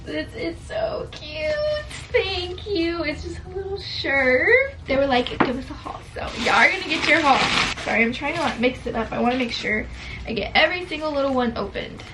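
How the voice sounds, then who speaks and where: High-voiced teary young woman gushing. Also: fairly quick. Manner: gushing, tearful, says "like" and "literally" often. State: teary, on the verge of crying. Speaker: vlogger. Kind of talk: emotional unboxing vlog. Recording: distant mic with loud background noise.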